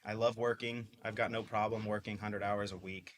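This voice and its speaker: This podcast guest is a twentysomething dispensary owner from Mississippi, talking casually in an interview. His voice sits on the low side and is a bit bright, with a flat delivery at a moderate pace, while he rambles cheerfully and uses plenty of fillers.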